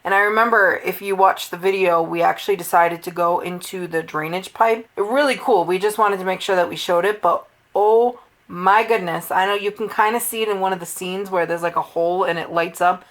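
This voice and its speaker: A woman's voice: lowish voice, fairly quick, hardly any pauses, a bit bright. A woman from New England co-hosting a casual podcast, talking earnestly and with emphasis. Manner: earnest, emphatic about details. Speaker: podcast co-host. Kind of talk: casual chat.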